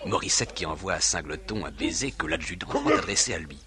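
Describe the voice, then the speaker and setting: A man's voice: low-pitched, sing-song, brisk, a loud crowd. A man narrating the action of a stage farce from a script. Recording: clearly noisy recording with clicks.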